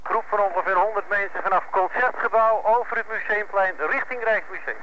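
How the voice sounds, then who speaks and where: A man's voice: sits high, brisk. A man reporting to dispatch over a police two-way radio, in clipped radio procedure that ends each message with "over". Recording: muffled lo-fi radio with static hiss.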